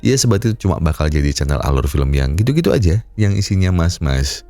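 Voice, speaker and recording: A man narrating a film recap and chatting to viewers, his voice nasal and congested from a cold, folksy and gently advising. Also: low-pitched, sing-song, a little fast, no echo, faint music behind. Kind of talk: scripted film recap narration and casual outro.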